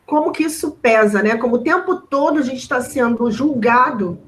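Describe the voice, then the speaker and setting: A teacher with a Brazilian Portuguese accent recounts a painful memory from her classroom. Her voice sits a little high for a woman, and she talks in a loose conversational way full of tag questions. She is moved, at moments near tears. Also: moderate pace, slight background noise, rough recording. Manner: emotional, close to tears at times. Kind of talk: personal story in a discussion.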